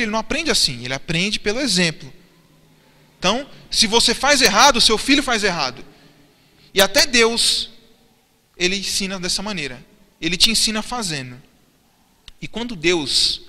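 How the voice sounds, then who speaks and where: A man's voice: sits high, sharp tone. A man preaching a sermon in church, asking the congregation questions and answering them himself. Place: church hall. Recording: church sermon with long reverb and faint music.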